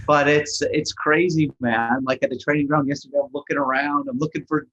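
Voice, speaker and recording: A man co-hosting a soccer podcast, breaking down tactics in quick animated bursts. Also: on the high side, dull audio, slight background noise. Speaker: podcast co-host and soccer analyst. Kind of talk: casual sports podcast chat.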